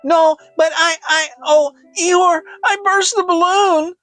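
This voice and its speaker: Tiny nervous piglet for a storybook: squeaky, high-pitched, earnest and easily flustered. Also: steady tone, slow pace, a bit bright, soft background music, full character voice. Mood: nervous, upset. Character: small timid young male piglet, anxious and eager.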